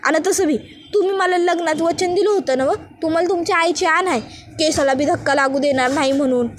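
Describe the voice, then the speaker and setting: Brief: woman doing a pushy, pleading young village bride, high voice, rustic speech. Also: fairly quick, a little hiss or hum. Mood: pleading, insistent.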